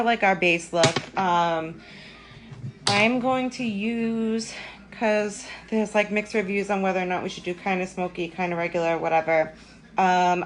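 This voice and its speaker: A young woman hosting a live makeup tutorial from home, rambling and self-deprecating as she chats with viewers. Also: lowish voice. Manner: rambling, self-deprecating, lots of ums and likes.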